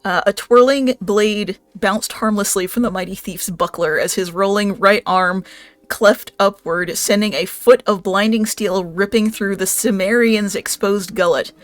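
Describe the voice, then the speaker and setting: A woman's voice: medium pitch, steady tone, unhurried, no room sound. A woman reads a book aloud on a live stream and keeps breaking off for wisecracks and swearing. Her voice is dry and close, with no room sound, and faint music plays behind her. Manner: wisecracking, swears, mock-puzzled asides. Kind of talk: comic read-aloud with running commentary.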